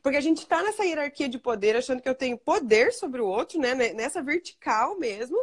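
A woman hosting a casual live chat about parenting, talking fast and acting out the things she and her young daughter say to each other. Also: high voice, breathy edge. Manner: fast, animated, acts out talks with her daughter. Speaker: host.

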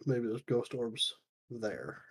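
A man chatting casually while playing a ghost-hunting game, low-key and trailing off into quiet mumbled asides. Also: sing-song, takes it slowly, breathy edge. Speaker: podcast co-host. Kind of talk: casual gaming chat.

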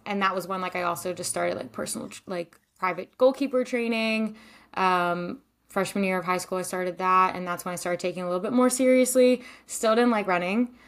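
A woman's voice: on the low side, brisk. Chatty young woman, lots of likes. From Maryland. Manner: chatty, many likes and ums, laughs often. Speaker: podcast guest, former goalkeeper. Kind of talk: casual interview answers.

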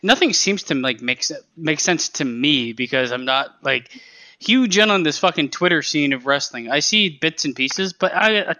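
Bright-voiced man rambling in a dry room. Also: a little high, lively intonation, no echo. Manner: rambling, halting, profane. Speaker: podcast co-host. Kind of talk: casual chat.

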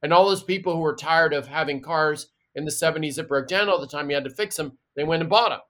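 A man, a guest expert, explaining in a lively and chatty way with stories and asides. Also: a little high, fast talker. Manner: animated storyteller, chatty asides. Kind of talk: casual explaining in an interview.

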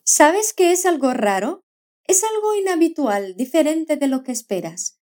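A woman teaching a language lesson, modelling words slowly and clearly with encouraging prompts to repeat. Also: high-pitched, big pitch swings, a little mellow. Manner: slow, carefully modelled repetitions with encouraging prompts. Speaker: Spanish pronunciation teacher. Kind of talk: scripted language lesson narration.

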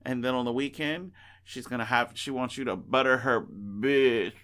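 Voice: medium pitch, moderate pace, fairly bright tone. A podcast co-host in casual chat, rambling through stories with playful teasing.

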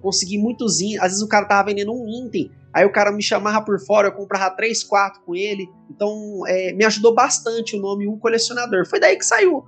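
A man's voice: high-pitched, fairly quick, few pauses, slightly rough, soft background music. A man in his thirties with a São Paulo accent, chatting casually as a podcast guest, slangy and full of fillers. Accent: São Paulo Portuguese. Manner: slangy, relaxed, lots of fillers. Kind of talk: casual interview talk.

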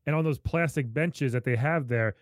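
A middle-aged man, a comedian, telling a story in a casual chat and jumping up high for the voices he quotes. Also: normal speed, dry recording, studio quality. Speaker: guest comedian.

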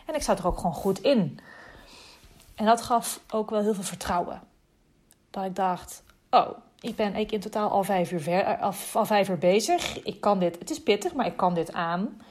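A young woman speaking at an ordinary middle pitch for a woman. She recounts her birth story in a calm, reflective and soft-spoken way, pausing now and then to find her words. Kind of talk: casual personal storytelling.

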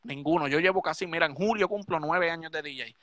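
A man's voice: a little high, fast, fairly bright tone, no room sound. A Puerto Rican man, a DJ hosting a live stream, ranting drunk and swearing heavily. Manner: profane, heated, repetitive ranting.

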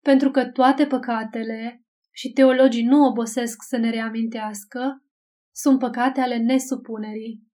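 A woman reading a classic novel aloud as an audiobook narrator, in a measured, even storytelling manner. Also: on the high side. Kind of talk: scripted literary narration.

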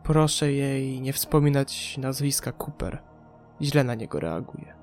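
A man's voice: medium pitch, expressive, a little slow, a little mellow, soft background music, close to an everyday voice. A man voicing a cool, guarded woman who is protective of her mother, in an audiobook. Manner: cool and curt.

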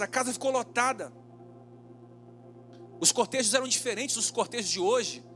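A male pastor delivers a sermon as a vivid story, in a notably high voice. He draws out key phrases slowly for emphasis. Soft music plays faintly underneath. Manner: dramatic storytelling, slowing down for emphasis.

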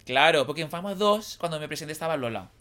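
Bright-voiced Valencian young man telling stories. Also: a little high, quick pace. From Valencia region, Spain. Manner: lively, chatty anecdote-telling with slangy fillers. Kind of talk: casual chat, storytelling.

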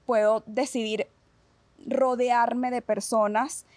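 Calm Venezuelan woman psychologist explaining. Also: a little high, slow, no room sound. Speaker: psychologist guest. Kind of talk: explaining in a casual podcast conversation.

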